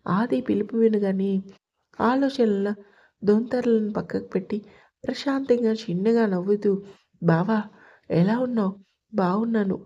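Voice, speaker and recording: A woman narrating an emotional love story aloud and speaking every character's lines in her own gentle voice. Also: fairly high pitch, lo-fi sound.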